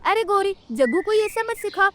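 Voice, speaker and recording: A woman's voice: extremely high pitch, lively intonation, moderate pace, a bit bright, a little hiss or hum. Woman doing a meek father crow. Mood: pleading. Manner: pleading, mild.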